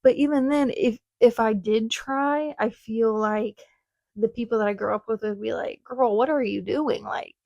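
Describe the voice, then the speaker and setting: A woman in her twenties hosts a solo podcast in a fairly high, slightly mellow voice with little pitch variation, at a moderate pace and with no room sound. She tells a rambling personal story, chatty and self-deprecating, drifting into frequent tangents.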